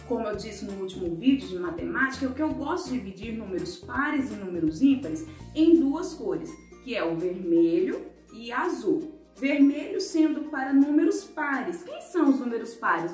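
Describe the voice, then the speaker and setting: A woman's voice: a little high, darkish tone. A woman teacher patiently explaining worksheet exercises to young children, full of little diminutive words. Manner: patient, uses many diminutives. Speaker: primary school teacher. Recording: echoey room, mic at a distance, faint music.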